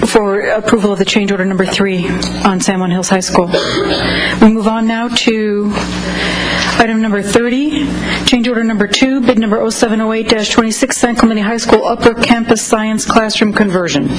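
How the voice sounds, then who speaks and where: A woman's voice: on the high side, fairly even intonation, moderate pace. An American woman chairing a board meeting, formally reading out agenda items and calling votes. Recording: very noisy public meeting room recording.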